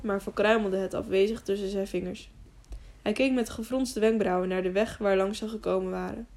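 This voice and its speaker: A woman reads a storybook aloud in a calm, steady voice. Her pitch sits right in the middle of the range for women. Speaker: audiobook narrator. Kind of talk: scripted narration.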